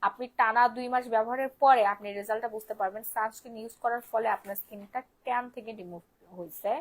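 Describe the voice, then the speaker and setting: A woman's voice: a little high, steady tone, fast, rough recording. A woman selling skincare on a phone live stream, repeating prices in pushy sales patter while sounding tired and unwell. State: tired and unwell, speaks softly. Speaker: online shop seller.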